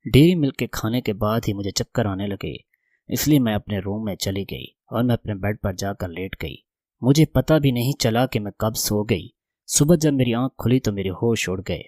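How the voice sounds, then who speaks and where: A man reading a scripted first-person story aloud in a steady, measured way. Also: lowish voice, no echo, clean studio sound.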